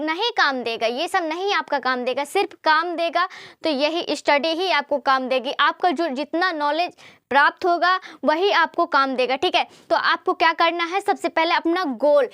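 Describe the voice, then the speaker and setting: High-voiced woman teaching casually. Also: normal speed, a bit bright, dry recording, clean studio sound. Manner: chatty, repeats and asks rhetorical questions. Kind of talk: motivational study lesson.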